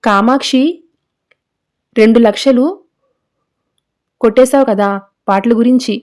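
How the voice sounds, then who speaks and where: A woman's voice: on the high side, steady tone, unhurried, darkish tone, close to an everyday voice. A woman reading as a harsh accusing mother-in-law. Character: scheming domineering middle-aged mother-in-law.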